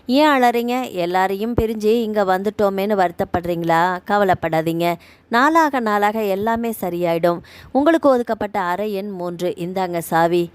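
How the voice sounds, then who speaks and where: Woman doing a gentle, kindly retired man. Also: medium pitch, normal speed, clean tone, no echo, natural voice. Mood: reassuring. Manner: warm, gentle, reassuring. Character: kindly retired man, gentle and reassuring, runs a care home.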